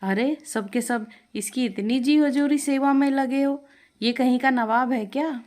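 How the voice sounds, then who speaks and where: A woman's voice: sits high, measured pace, darkish tone, voice pushed up. A woman voicing a grumpy mother-in-law who scolds and complains about a pet parrot. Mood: irritated.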